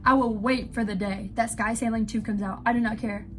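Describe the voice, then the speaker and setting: A woman's voice: on the high side, steady tone, brisk, fairly bright tone, faint music behind. Gushing, giggly young woman reacting. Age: 20s. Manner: gushing, giggly, rambling fan. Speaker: YouTube reactor. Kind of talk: excited reaction commentary.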